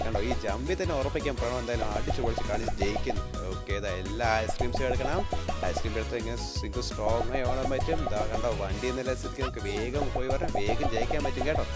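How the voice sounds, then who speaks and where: A young man hosting a children's phone-in game show, calling the game with excited, sing-song, coaxing talk aimed at kids. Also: medium pitch. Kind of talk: live game commentary for kids. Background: background music.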